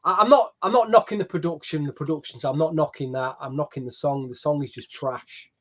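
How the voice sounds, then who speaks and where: A man's voice: fairly high pitch, fairly quick, fairly bright tone. A man reviewing album tracks bluntly in a casual podcast chat. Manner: blunt and opinionated. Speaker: podcast co-host.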